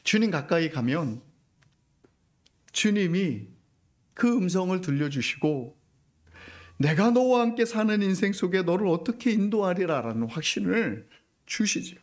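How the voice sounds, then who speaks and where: A middle-aged man pastor preaching a sermon, moving from hushed, almost whispered lines to loud, pleading rhetorical questions. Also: sits high, big pitch swings, a little slow, long pauses.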